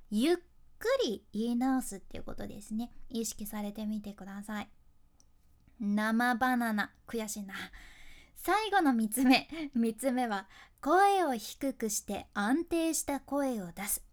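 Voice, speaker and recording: A woman's voice: fairly high pitch, a little mellow. A young woman speaking with a Kyushu dialect, a speaking coach giving a chatty lesson, laughing often and teasing herself. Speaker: speaking coach, freelance announcer. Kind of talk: casual instructional talk.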